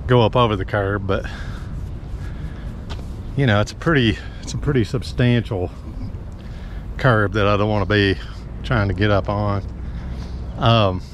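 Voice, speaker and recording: A middle-aged lawn care worker talks slowly in a lowish, steady voice while vlogging outdoors around a hotel parking lot and slopes. His rambling walk-and-talk is caught on an action camera held at arm's length, with traffic noise throughout.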